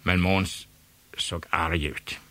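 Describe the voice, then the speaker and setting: Male storyteller for a children's book, low voice, expressive narration. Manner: lively, varied expressive narration. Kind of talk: reading a children's story aloud.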